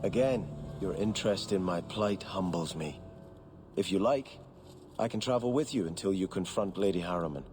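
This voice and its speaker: A formal earnest noble from a game, low voice, hissy background. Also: male voice, moderate pace. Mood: solemn. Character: devout exiled young male noble. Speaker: game character.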